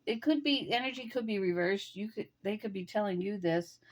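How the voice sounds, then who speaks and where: A woman giving an intuitive tarot reading, musing and talking straight to the listener with pauses and fillers. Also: medium pitch. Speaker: tarot reader.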